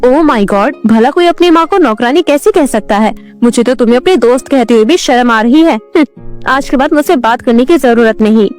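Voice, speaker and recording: A woman's voice: a little high, expressive, moderate pace, a little mellow, soft background music, close to an everyday voice. A woman voicing a mocking college friend in a cartoon story, snide and gossipy. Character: mocking rich college girlfriend.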